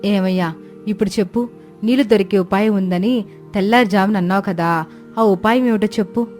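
A woman's voice: medium pitch, fairly quick, darkish tone, soft background music, close to an everyday voice. A woman voicing a caring, devoted village farmer's wife who speaks with emotional pleading in a cartoon story. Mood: doubtful.

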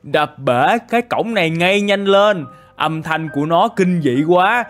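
A man voicing an angry old male villager in a game, speaking sternly and slowly. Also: fairly high pitch, lively intonation, a bit bright, soft background music.

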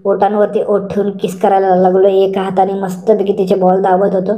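Woman reading out a spicy story, soft mellow voice, keeps repeating herself. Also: mid-range voice, completely flat delivery. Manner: slow, repetitive storytelling with words said over and over. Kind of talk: first-person erotic story narration.

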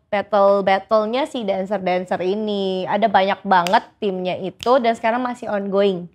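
A woman's voice: mid-range voice, steady tone, moderate pace, darkish tone, a little hiss or hum. A woman in her twenties, a guest singer, talking enthusiastically about a TV show and slipping in English phrases. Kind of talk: casual chat reviewing K-dramas.

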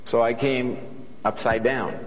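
A man's voice: medium pitch, little pitch movement, unhurried, in a large hall, a little hiss or hum, poor audio. A middle-aged man with a Greek accent, speaking earnestly to a student audience on a studio stage through a lapel mic and often restarting his sentences. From Greece. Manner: earnest, thoughtful, with frequent restarts. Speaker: guest composer.

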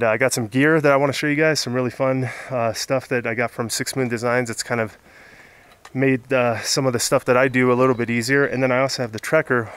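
On a mountaintop after a tough hike, a tired man in his thirties from Southern California vlogs outdoors, chatty and often laughing, holding the camera at arm's length. He has a medium-pitched voice that is a bit bright and clean in tone.

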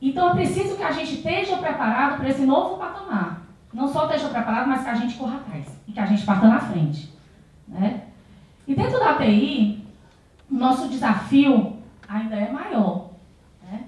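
A Brazilian woman in her thirties speaks on a large auditorium stage before an audience, holding a handheld mic for her conference talk. Her voice is high-pitched, animated and a little mellow at normal speed, often adding tag questions and restarting sentences. The hall is very echoey and she sounds far off.

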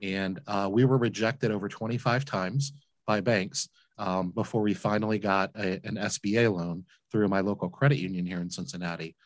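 A man's voice: on the low side, steady tone, normal speed, no echo. Earnest man telling his story. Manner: earnest, emphatic, repeats words when moved. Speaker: guest, laundromat entrepreneur. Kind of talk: interview storytelling. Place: home room, indoors. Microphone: large desk mic with headphones, video call.

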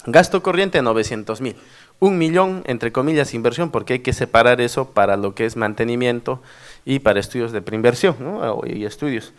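A middle-aged man from the Cusco region, a former mayor telling stories in a workshop talk and often tagging his sentences with a question. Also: mid-range voice. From Peru, Cusco region. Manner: animated storyteller with frequent tag questions. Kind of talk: anecdotal conference talk.

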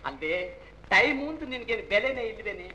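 A man's voice: extremely high pitch, sing-song, a little fast, bright, forceful tone, slightly rough, exaggerated voice. An actor playing a bossy, impatient middle-aged husband and father who scolds his wife. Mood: grumbling. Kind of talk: 1960s film acting. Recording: dull old film soundtrack with music.

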